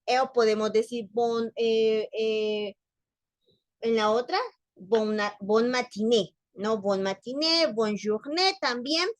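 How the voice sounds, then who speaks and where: A woman's voice: fairly high pitch, slow pace, no room sound. A woman teaching French to Spanish speakers in a recorded lesson, patiently repeating and explaining words. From Latin America.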